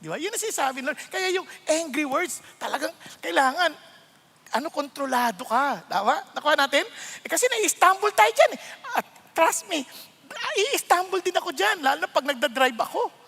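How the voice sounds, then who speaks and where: High, bright-voiced playful pastor, hall reverb. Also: male voice, normal speed, gravelly. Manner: playful, animated, often laughing, keeps asking the congregation questions. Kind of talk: conversational sermon.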